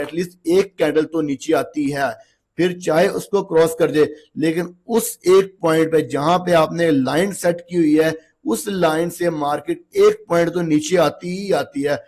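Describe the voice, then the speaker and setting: A man with a slightly hoarse voice from long talking, giving a casual, chatty trading lesson while walking through a chart on screen and checking in with the viewer often. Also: fairly high pitch, darkish tone. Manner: chatty, repeats checks like "okay ji" and "look". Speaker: trading instructor.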